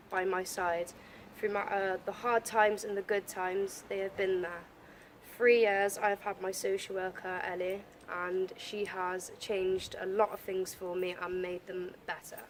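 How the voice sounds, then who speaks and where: A woman's voice: medium pitch, slight background noise. A woman of twenty, a care leaver, talking earnestly to camera about her life. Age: 20s. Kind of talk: interview to camera.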